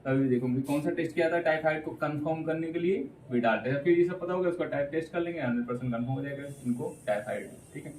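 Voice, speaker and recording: A male biology teacher giving an exam-prep lecture, drilling key terms, checking in with "theek hai" constantly, and reading English phrases slowly word by word. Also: fairly high pitch, darkish tone, recorded from a distance. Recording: roomy, from off the mic, faint room hum.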